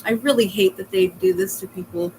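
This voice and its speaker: A woman hosts a casual interview over a video call, talking in a chatty, encouraging way full of fillers. Her voice sits at an ordinary middle pitch. A faint background hum runs under it. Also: fairly quick, warm tone, poor audio. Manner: chatty and supportive, many fillers. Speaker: host.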